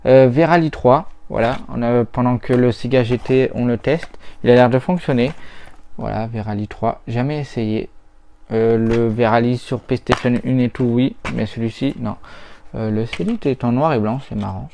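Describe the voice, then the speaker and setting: Guy rambling on about old games while testing them at home, mid pitch, lots of little verbal tics, bit of faint noise. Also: normal speed, vocal fry, mellow. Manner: rambling, hesitant, full of "voilà" and "hop". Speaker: retro gaming YouTuber.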